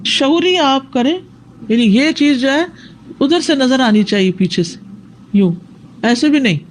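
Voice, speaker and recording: A woman's voice: high voice, animated, a little hiss or hum. A woman teacher giving a religious lesson on prayer, explaining and showing postures as she goes. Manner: explanatory, demonstrating with gestures.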